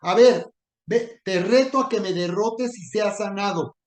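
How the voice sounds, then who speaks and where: A man's voice: high-pitched, unhurried. A man doing a jeering giant enemy warrior. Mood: mocking. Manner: jeering, shouting taunts. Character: taunting giant male enemy warrior, mocking and scornful. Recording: roomy echo.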